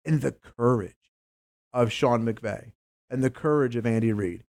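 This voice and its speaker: A man's voice: medium pitch, unhurried, darkish tone. A man hosting a casual investing talk show, rambling and stumbling over his words as he jumps between topics. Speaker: host.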